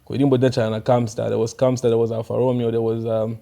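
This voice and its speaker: Man, Zambian accent, young adult, warm tone, easygoing, filler-heavy chat. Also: medium pitch, racing, gravelly. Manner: relaxed, mixes English and local language, many fillers. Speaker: rapper guest. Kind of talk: casual interview chat.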